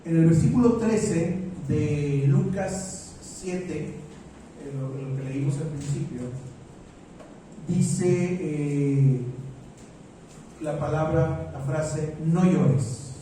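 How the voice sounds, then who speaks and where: A man preaching a sermon as pastor, slow and deliberate, repeating his phrases. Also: fairly high pitch, mellow, heavy reverb, far from the mic, a little hiss or hum, low-quality recording.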